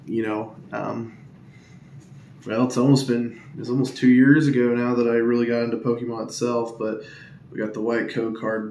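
At home indoors, a Pokemon card YouTuber opens trading card packs in a casual vlog, rambling with lots of ums and uhs. His medium-pitched voice stays flat and monotone, kept hushed so he won't wake anyone. The room sounds echoey, with faint ambient noise.

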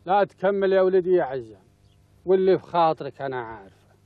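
High-voiced, dignified Bedouin elder. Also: male voice, lively intonation, fast, no echo. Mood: solemn. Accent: Bedouin Arabic. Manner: ceremonious, repeating greetings. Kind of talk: Bedouin television drama acting. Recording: dry, dull lo-fi sound.

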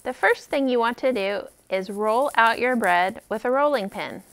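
A woman in her thirties runs a library cooking program for kids, guiding children step by step through a friendly demonstration with simple, encouraging instructions. Her voice is on the high side, creaky and fairly bright, at a moderate pace.

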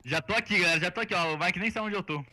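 A young man with a Brazilian Portuguese accent, bantering fast and jokily with his co-player during a game, sometimes pleading in mock panic. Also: sits high, pushed and bright. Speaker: gaming co-player.

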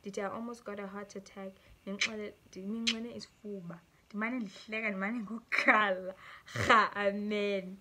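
A young South African woman with a South African accent reads viewers' dating stories aloud on her vlog and reacts as she goes. Her voice is bright and animated, and she laughs often while switching between English and Xhosa. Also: mid-range voice, moderate pace, a little hiss or hum. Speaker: YouTuber.

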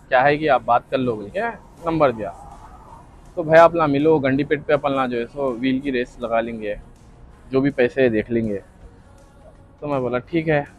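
A young man, a vlogger telling a rambling story in casual chat and acting out the lines of the people in it. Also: mid-range voice. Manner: rambling, reenacts dialogue. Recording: dull lo-fi audio with faint music.

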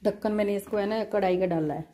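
A woman in her thirties, a mother chatting casually to her viewers from her home kitchen while doing chores and gently scolding her child. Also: mid-range voice, fast talker. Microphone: phone camera.

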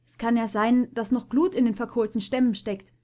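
A woman's voice: fairly high pitch, fairly even intonation, moderate pace, a little mellow, natural voice. A proud, careful father stallion, played by a woman reading aloud. He speaks in an earnest, thoughtful way.

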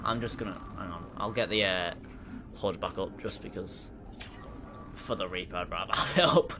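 A man's voice: low-pitched, moderate pace, noisy background. A young man with a Teesside accent commentating a VR game, nervous and jumpy, swearing and yelping when startled. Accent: Teesside English. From Middlesbrough, England. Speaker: gaming YouTuber. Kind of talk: VR gameplay commentary. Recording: game music clearly behind the voice. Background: game music.

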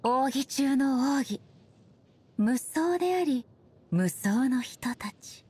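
A woman playing a regal, solemn female shogun and swordswoman in a game, speaking formally and with measured stateliness. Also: high-pitched, lively intonation, a little mellow, slightly rough, exaggerated voice. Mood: solemn, composed. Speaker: voice actor. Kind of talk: Japanese anime-style game character voice lines.

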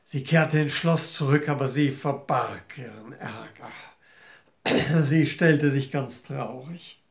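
Slow-spoken male fairy-tale storyteller. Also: on the high side, steady tone. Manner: slow, gentle, addresses listeners directly. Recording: roomy echo.

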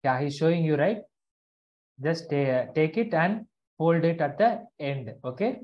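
A little slow but animated, the medium-pitched teacher leads children through making a craft in an online class. She repeats each instruction and checks they're following, with the video call audio sounding dull and lo-fi.

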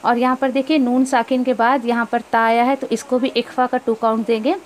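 A woman teaching tajweed, explaining each rule and then slowly reciting verses, correcting wrong pronunciations and mixing in English words. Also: a little high, level tone, a little hiss or hum.

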